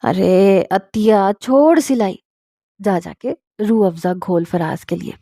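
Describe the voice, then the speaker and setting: A woman's voice: mid-range voice, slow pace, creaky, dark tone, dry recording, clean studio sound. A woman voicing a scheming middle-aged aunt who scolds her daughter and turns sugary toward a guest, in a spoken story.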